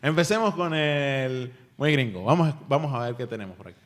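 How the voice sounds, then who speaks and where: A man hosting a casual language-learning podcast, energetic and often laughing. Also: mid-range voice, fairly quick. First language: Spanish. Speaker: podcast host.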